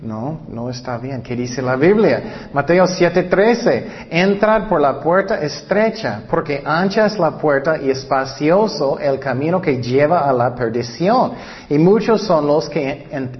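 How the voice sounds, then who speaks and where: An earnest man preaches and teaches in a plain, direct way, slowing down to read scripture. His voice sits a little high for a man. It lingers in a long reverb and sounds dull, lo-fi. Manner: earnest, plain-spoken, reads scripture slowly. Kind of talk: informal teaching on evangelism.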